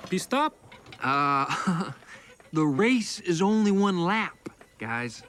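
A man voicing a boastful talking race car in an animated film, cocky and sing-song, mixing in Italian words. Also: high-pitched, very slow, background noise, full character voice.

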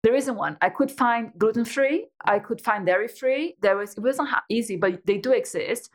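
Speaking at a normal speed in a fairly high voice, this guest entrepreneur from Brazil recounts her story during a relaxed interview chat, often restarting and using fillers.

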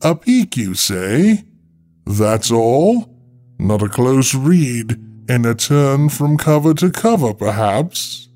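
A man's voice: fairly high pitch, big pitch swings, darkish tone, pitched above the performer's own voice, heavily acted. A man voicing a mischievous, purring male librarian who drawls his words theatrically and probes with sly questions. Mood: probing. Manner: theatrical, drawn-out, probing.

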